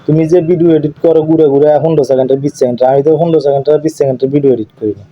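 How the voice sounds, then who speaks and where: A man with an eastern Bengali dialect, a YouTube video maker, fires off his words rapidly in a fairly high, warm voice with fairly even intonation. He is casually arguing about home matters on a recorded call, repeating phrases insistently. The audio is dull, lo-fi phone quality with faint background noise.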